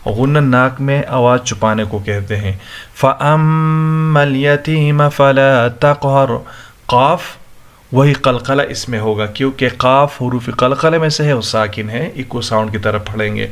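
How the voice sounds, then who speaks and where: Man reciting slowly and teaching tajweed. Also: medium pitch. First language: Urdu. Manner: slow drawn-out melodic recitation alternating with quick explanation. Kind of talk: Quran recitation and tajweed lesson.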